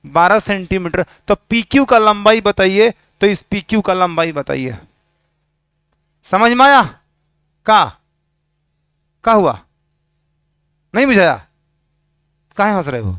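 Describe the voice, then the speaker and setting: Teasing maths teacher, high clear voice. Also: male voice, animated, slow pace, long pauses, a bit bright, no echo, studio quality. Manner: teasing, questions students constantly. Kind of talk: classroom lecture at a board.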